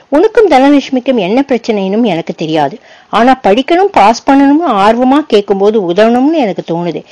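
A woman's voice: fairly high pitch, darkish tone, no echo, lightly acted. Earnest, hesitant teenage schoolboy, read by a woman.

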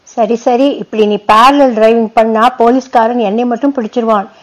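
A woman's voice: on the high side, steady tone, natural voice, rough recording. A woman voicing a cheerful, teasing young woman who chats playfully with an old friend. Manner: playful, chatty, quick to laugh.

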